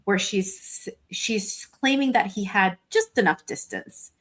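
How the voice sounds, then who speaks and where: A woman co-hosting a casual panel chat, talking through a legal filing with pauses and restarts. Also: mid-range voice, lively intonation, a bit bright. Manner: halting, walks through the document with fillers and restarts. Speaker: podcast co-host reading a legal filing.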